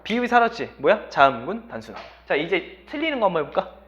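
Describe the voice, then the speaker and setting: A man's voice: high-pitched, fast talker, highs cut off, a little hiss or hum. A man teaching a language lesson who keeps quizzing his students as he explains. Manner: lively, constantly quizzing students. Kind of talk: classroom lecture.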